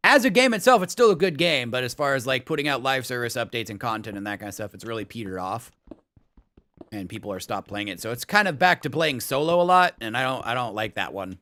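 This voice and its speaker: A man live-streaming a game, chatting casually, reading out chat, thanking viewers for follows and subs, and breaking into excited laughter. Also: mid-range voice.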